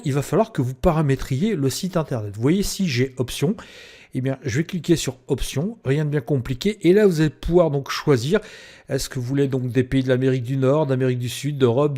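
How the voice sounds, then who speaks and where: Man, tutorial presenter, mellow and warm, unhurried click-by-click explanation with fillers. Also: medium pitch. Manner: explains step by step with many fillers. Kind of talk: screen-recorded software tutorial.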